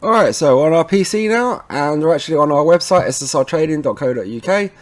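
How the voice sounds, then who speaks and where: A man with a slightly high, expressive voice talks briskly while presenting an episode of his product tutorial series. The casual, chatty walkthrough goes step by step through some tech, and he keeps checking in with the listener.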